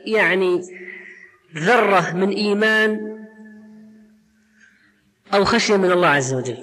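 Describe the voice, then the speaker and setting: A man preaches in a religious lecture with a notably high voice, earnest and emphatic, often posing rhetorical questions to his listeners. His words ring out with a long reverb, as if in a large hall. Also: sharp tone.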